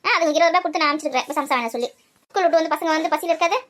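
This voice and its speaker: A woman voicing a tired, grumbling old grandmother with an aching back, talking soft and low in a comic family skit. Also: racing, a little hiss or hum. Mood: scolding. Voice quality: soft and low, muttering to herself.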